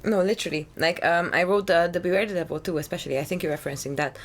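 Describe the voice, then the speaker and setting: A young woman from Hungary, a singer-songwriter guest talking casually in an interview, chatty and relaxed, full of "you know" fillers. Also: on the low side, racing.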